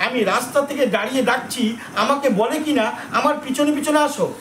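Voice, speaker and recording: A man voicing an indignant grumbling sage. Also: a little slow. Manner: aggrieved, grumbling, high-pitched. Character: sage Narada, indignant complaining devotee. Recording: echoey room with faint noise.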